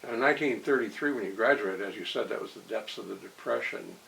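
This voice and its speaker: A man's voice: fairly low pitch, quick pace, gravelly, a bit bright. A man interviewing someone, asking conversational questions about their life. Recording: hissy, noisy background.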